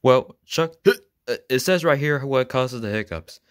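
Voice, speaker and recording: A man voicing a fussy male cartoon bird in a plush puppet skit, halting and repeating his words. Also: medium pitch, clean tone, dry recording, clean studio sound, close to an everyday voice. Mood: explaining.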